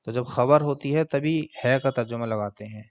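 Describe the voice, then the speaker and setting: Man, Arabic teacher, patient word-by-word lesson, mid-pitched voice, slightly dull lo-fi sound. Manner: slow, patient word-by-word translation. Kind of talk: online Arabic grammar lesson in Urdu.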